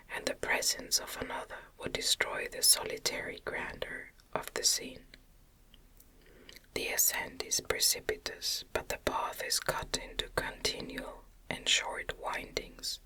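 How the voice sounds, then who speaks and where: Whispering close to the mic, a woman narrates a novel in ASMR audiobook style, phrasing everything gently and deliberately. The audio quality is poor.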